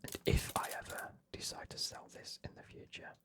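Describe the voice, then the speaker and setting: A man whispering an ASMR unboxing as host, in a chatty, enthusiastic, informal manner. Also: moderate pace.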